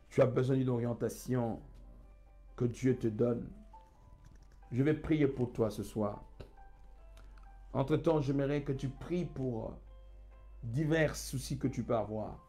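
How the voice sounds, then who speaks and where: Male preacher, mellow tone, exhorting sermon and prayer over faint music. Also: medium pitch, measured pace, long pauses. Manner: exhorting, repetitive prayer, speaks in tongues.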